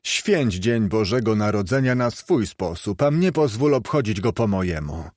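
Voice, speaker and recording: A man's voice: on the low side, expressive, moderate pace, a little mellow, no echo, clean studio sound. Grumbling old miser, as a man reads him. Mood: grumbling scornful. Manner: gruff, curt muttering. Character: miserly grumpy old male moneylender.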